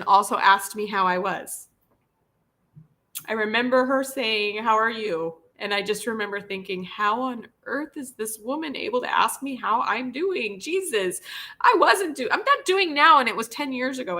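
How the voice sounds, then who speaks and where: A woman's voice: medium pitch, bright, forceful tone. A woman hosting a live stream, talking earnestly and pleading with her listeners, often repeating words and at times tearful. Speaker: podcast host and pet spa owner. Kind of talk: live-stream casual talk.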